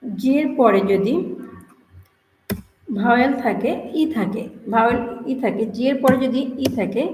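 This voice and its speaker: A woman teaching an English grammar lesson, explaining slowly, repeating words and asking questions to her students. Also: fairly high pitch, darkish tone. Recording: echoey room with faint hiss.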